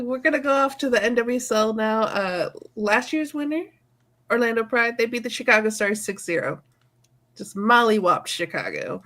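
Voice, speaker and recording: A woman's voice: a little high, fairly bright tone. A woman co-hosting a sports show, giving casual, informal recaps.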